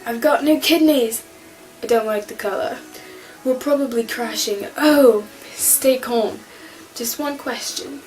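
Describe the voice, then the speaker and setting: Brief: a woman doing a gruff male alien with a put-on Scottish accent, pitched high, abrupt. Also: measured pace, darkish tone, faint music behind, close to an everyday voice, poor audio. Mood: startled, blunt. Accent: attempted Scottish. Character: gruff newly regenerated male alien Doctor.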